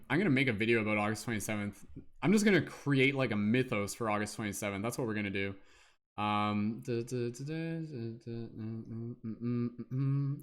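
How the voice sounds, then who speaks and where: A man hosting a casual livestream as a tarot reader, chatty and upbeat, humming and scatting to himself between remarks. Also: mid-range voice. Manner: chatty, upbeat, hums and scats to himself while waiting. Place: in Canada.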